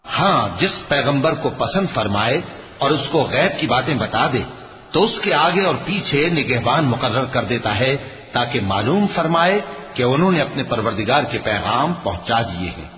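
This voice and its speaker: A man reads a scripture translation with lively, rising and falling intonation. The recording is dull and lo-fi, with long reverb as if from a large hall. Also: mid-range voice. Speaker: translation reader. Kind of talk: read-out verse translation.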